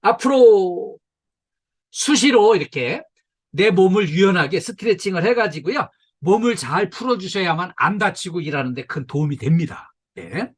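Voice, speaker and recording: An older man giving a workplace safety lecture to staff, lively and coaxing, now and then mimicking nagging voices and leading the room through stretches. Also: high-pitched, moderate pace, breathy edge. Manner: leads audience through stretches. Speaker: safety instructor.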